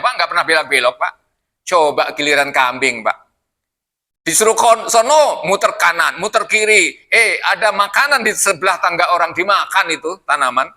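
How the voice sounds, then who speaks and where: An older man gives a mosque study sermon in a high, very bright voice. He talks in a chatty, joking way. He keeps tossing questions at the congregation. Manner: chatty, jokey, keeps asking the audience questions. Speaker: preacher.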